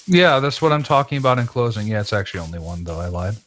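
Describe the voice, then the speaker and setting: A man's voice: lowish voice, expressive, fast talker, fairly bright tone. A man co-hosting a gaming podcast, joking and sarcastic in a playful casual chat. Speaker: podcast co-host.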